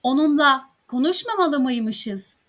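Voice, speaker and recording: A woman teaching grammar, working through verb conjugations one by one with careful, deliberate articulation. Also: high voice, expressive, a bit bright. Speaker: Turkish language teacher. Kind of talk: slow, careful grammar drill reading.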